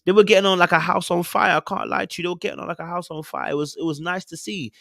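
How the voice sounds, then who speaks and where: On his podcast, a young London man gives opinionated, slangy commentary on reality TV, acting out stories in an animated, theatrical way. His voice is high, fast, and creaky, captured in a clean studio with no room sound.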